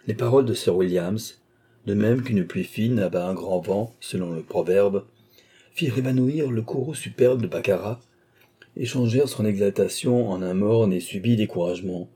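A man reads a classic novel aloud in a measured, literary way. His voice is very low, dark and husky, and he keeps the narration steady. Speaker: audiobook narrator. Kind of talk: scripted narration.

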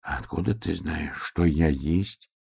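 A man voicing a naive, stubborn little piglet who talks in a quiet, wondering, plaintive way. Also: extremely low pitch, a little slow, vocal fry, slightly rough, exaggerated voice. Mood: puzzled.

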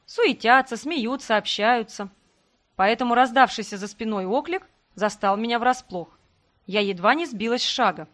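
A woman reads a first-person novel aloud in a calm, even way. Her voice sits somewhat high for a woman. The narration is steady and plain. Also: normal speed. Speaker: audiobook narrator.

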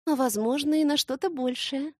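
Woman voicing a bold young heroine, teasing, mocking, high-pitched, swooping intonation. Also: expressive, moderate pace, no room sound, clean studio sound.

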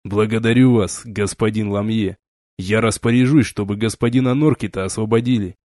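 A man voicing a stern, weary starship captain who gives slow, measured commands in an audiobook. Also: on the low side, fairly even intonation, a little mellow, no echo, studio quality, lightly acted. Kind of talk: audiobook character reading.

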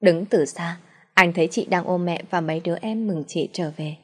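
A woman tells a family drama as a steady, measured narrator. Her voice sits slightly low. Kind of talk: storytelling narration.

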